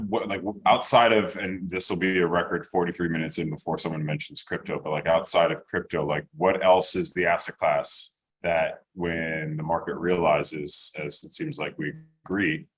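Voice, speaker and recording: Man, very low pitch, rough husky tone, casual discussion, halting, thinking aloud. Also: fairly bright tone, rough recording. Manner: halting, thinking aloud with repeated false starts. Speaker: panelist asking questions.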